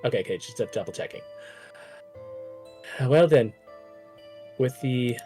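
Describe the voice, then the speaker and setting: A male game master narrates a tabletop session in a casual, animated way. His voice swings widely in pitch, and faint music plays behind him. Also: unhurried. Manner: animated, casual, swears freely.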